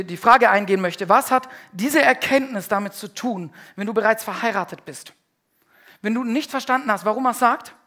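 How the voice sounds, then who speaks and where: Male preacher giving a sermon in church. Emphatic and slangy, with loud bursts and quiet, confessional stretches. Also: high-pitched. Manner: emphatic, swings between loud outbursts and hushed confessions; colloquial, slangy. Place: church service before a congregation.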